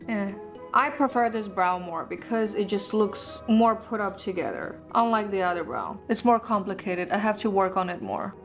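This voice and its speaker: A woman's voice: medium pitch, lively intonation, moderate pace, soft background music. A woman talking casually through her makeup routine, drifting into personal stories and encouragement. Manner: chatty, drifts into personal anecdotes and pep talk. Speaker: beauty vlogger. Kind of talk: casual makeup tutorial chat.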